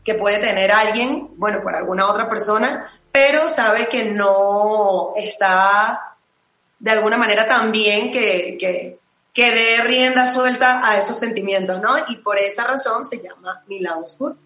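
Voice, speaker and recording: A woman's voice: medium pitch, a little slow, bright, forceful tone, roomy sound, low-quality recording. A singer-songwriter woman from Venezuela in her late twenties, answering interview questions thoughtfully with many fillers and restarts.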